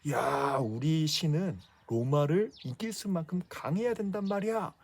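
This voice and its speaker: A man's voice: fairly high pitch, measured pace, creaky, darkish tone, voice pushed up. A man doing an angry, scornful young man. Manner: mocking, indignant.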